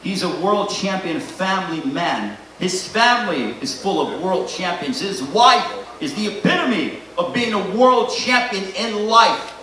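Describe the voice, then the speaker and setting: At a boxing press conference, a man introduces the fighters to the audience with a showy ring-announcer delivery. His high-sitting voice is bright and forceful with lively intonation and a slightly slow pace, picked up by a distant mic in a large, echoey room with faint noise.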